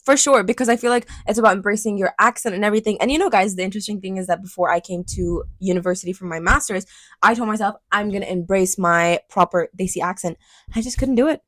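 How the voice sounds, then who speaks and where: A woman in her twenties from Pakistan with a British accent, co-hosting a casual podcast in a chatty, animated way and slipping into quoted voices. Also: medium pitch, fast, no echo. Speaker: podcast co-host.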